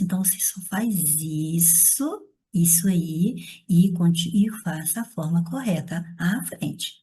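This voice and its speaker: A middle-aged woman teacher who talks the viewer through writing an essay by hand, step by step, often checking in with a quick question. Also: mid-range voice, mellow, breathy edge.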